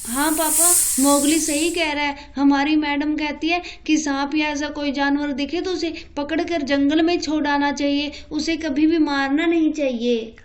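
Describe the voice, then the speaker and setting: A woman's voice: high voice, fairly even intonation, unhurried, few pauses. A woman doing a bossy little girl. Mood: earnest. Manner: accusing, scolding. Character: bossy young village girl.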